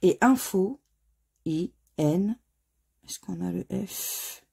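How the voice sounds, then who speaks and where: A woman from France commenting as she scratches lottery tickets, spelling out letters one by one in a slightly hoarse voice. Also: lowish voice, expressive, extremely slow, warm tone. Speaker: scratch-card video host. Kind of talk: casual scratch-card commentary.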